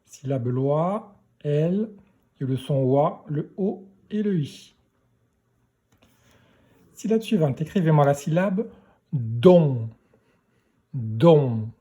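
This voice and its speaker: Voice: mid-range voice, expressive, slow pace, pauses often, dark tone. A primary school teacher giving a remote dictation lesson, repeating each syllable and spelling it out letter by letter.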